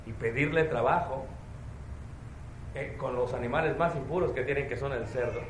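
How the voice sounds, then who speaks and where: A man preaching a sermon with a Mexico City accent, swinging between loud emphatic declarations and low confiding asides. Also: moderate pace. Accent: Mexico City Spanish. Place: church hall. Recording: very echoey church hall with faint noise.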